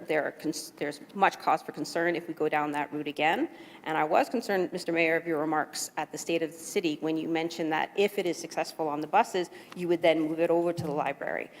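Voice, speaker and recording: A woman with a very low voice addresses a city council, pressing her case in a firm, insistent way. The long reverb of the chamber trails after each phrase. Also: fairly even intonation, brisk. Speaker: public delegate. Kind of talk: public testimony at a budget hearing.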